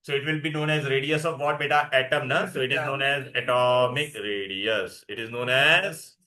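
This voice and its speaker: A man's voice: medium pitch, moderate pace, bright, forceful tone. A man with an Indian accent teaching a lesson, repeating key points and putting frequent questions to his students. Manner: repetitive, checks understanding, addresses students directly. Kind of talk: classroom lesson with rhetorical questions.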